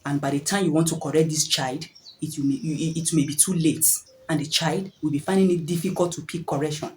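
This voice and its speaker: An earnest woman talks parents through her advice, repeating key phrases and posing rhetorical questions. Her voice sits a little low. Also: steady tone, a little fast, a little mellow, a little hiss or hum, poor audio. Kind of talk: preachy advice talk to camera.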